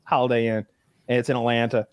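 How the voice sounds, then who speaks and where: A man in casual chat, telling stories in an animated, profane way. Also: mid-range voice, fast, clear, resonant tone, no room sound.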